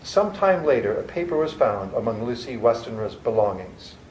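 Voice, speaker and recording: A man narrating journal entries as a worried young doctor in a live radio play, measured in narration and anxious in scenes. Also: medium pitch, sing-song, a little mellow, lightly acted. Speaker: narrator and lead actor. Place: library hall with live audience. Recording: echoey hall with faint room noise.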